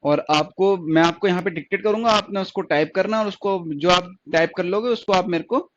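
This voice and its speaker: Speaking briskly in a high register, a man runs an online stenography class, restating points and then replying to questions he asked himself. The top frequencies of the recording are cut off.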